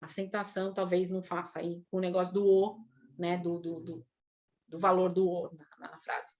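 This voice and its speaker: On a lo-fi video call, a woman with a Brazilian Portuguese accent answers audience questions as a guest speaker on Russian literature. Her lowish voice is level and darkish, and she speaks thoughtfully and haltingly with many restarts.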